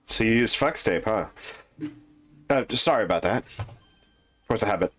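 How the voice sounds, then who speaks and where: A man's voice: on the low side, moderate pace, a little hiss or hum. A man streaming, reading a game's lines aloud and joking with his co-players. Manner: relaxed, joking between read lines. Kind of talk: casual voice acting stream.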